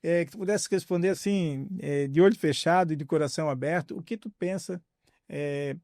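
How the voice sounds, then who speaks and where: A man's voice: a little high, normal speed, darkish tone, dry recording. A man hosting a podcast, asking questions hesitantly with many fillers. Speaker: podcast host. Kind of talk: podcast interview.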